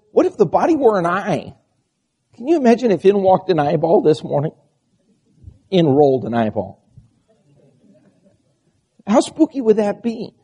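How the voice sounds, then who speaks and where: A man's voice: fairly high pitch, warm tone. A man preaching a sermon with a strained, quavering voice that bleats like a goat, using rhetorical questions and repeated lists. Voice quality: strained, quavering, bleating voice from a vocal disorder (spasmodic dysphonia). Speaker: preacher and church pastor.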